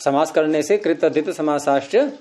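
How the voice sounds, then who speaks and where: Guy teaching sanskrit grammar, keeps firing questions at the class, mellow, bit high pitched. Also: moderate pace. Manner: explains step by step, quizzing students with questions. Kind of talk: classroom lecture.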